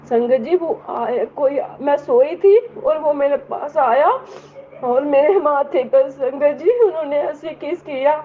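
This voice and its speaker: A woman's voice: high-pitched, takes it slowly. A middle-aged woman giving an earnest personal testimony to a congregation, often addressing her listeners directly. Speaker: devotee sharing a testimony. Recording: tinny phone-like audio, faint hiss.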